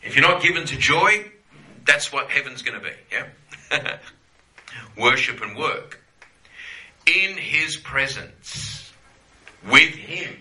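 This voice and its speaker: A man's voice: mid-range voice, expressive, takes it slowly, pauses often, sharp tone, echoey room, rough recording. A man teaching a Bible class to a group, conversational, often checking in with "yeah?" and repeating phrases for emphasis.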